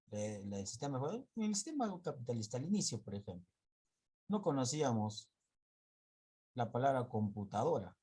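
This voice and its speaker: Slow, husky-voiced male teacher. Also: on the low side, dark tone. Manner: slow, halting, corrects himself often. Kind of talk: online class lecture.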